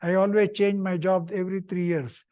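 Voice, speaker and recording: High-pitched older man giving informal lecture. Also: little pitch movement, moderate pace, darkish tone. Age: middle-aged or older. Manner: chatty, repetitive, short simple phrases. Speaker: visiting professor giving a seminar talk.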